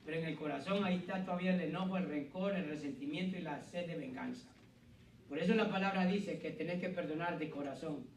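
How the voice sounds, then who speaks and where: Male preacher, high voice, fervent, rhetorical, loud peaks and hushed lows, recorded from a distance in an echoey church. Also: fast, a little hiss or hum. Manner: fervent preaching, rhetorical questions, calls listeners "hermano"; swings from loud emphatic peaks to hushed low passages. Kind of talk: sermon. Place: church hall with congregation.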